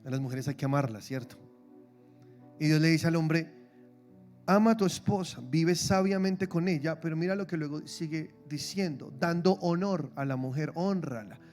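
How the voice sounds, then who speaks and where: Sermón de un hombre con acento colombiano, voz alta y aguda, tono vivo y cómico, con música tenue detrás. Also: male voice, on the high side, moderate pace, soft background music. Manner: lively, humorous, acts out quoted voices. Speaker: pastor. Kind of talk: sermon. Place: church.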